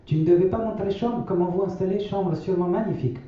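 A man's voice: high-pitched, fast, voice pushed up, close to an everyday voice. A man voicing a frail, thrifty elderly grandmother who speaks broken French. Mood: timid, apologetic. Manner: broken French with dropped articles. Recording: echoey, distant, slightly dull.

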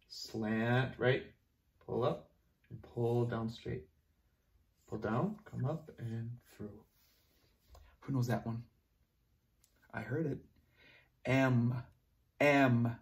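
Speaking in a medium pitch, a young man leads an online lesson for preschoolers at a classroom whiteboard. His teacher talk is slow, sing-song, and encouraging, and he drifts from close to the camera to farther away whenever he writes.

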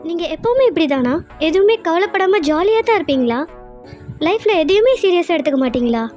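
A young woman in a comedy skit speaks in a clingy, whiny, sweet way. Her voice is extremely high yet soft and mellow in tone. Faint music runs beneath. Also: lively intonation, a little fast.

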